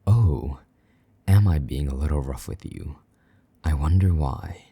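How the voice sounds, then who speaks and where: A man plays a vampire knight in an intimate roleplay audio drama, his voice at rock-bottom pitch with a dark, breathy, husky tone that often drops to a half-whisper. He sounds domineering, possessive, condescending and commanding, moving slowly and tauntingly in an exaggerated performance. There is no room sound.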